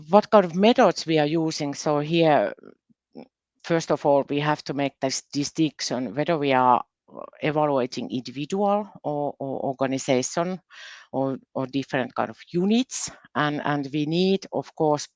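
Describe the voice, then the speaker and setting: A Finnish university research specialist, Finnish being her first language, gives a careful, halting conference talk in a Finnish accent, often doubling her words. Her voice is deep and darkish, recorded dry with the highs cut off.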